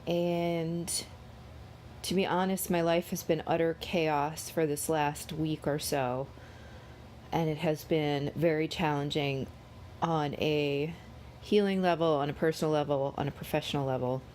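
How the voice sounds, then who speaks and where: Casting: woman, casual tarot vlogger, low-pitched, unhurried and halting, low energy, under the weather with a cold. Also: fairly even intonation, darkish tone, slight background noise. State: unwell, coming down with a cold. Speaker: host of a daily tarot reading. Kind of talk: casual spiritual vlog talk.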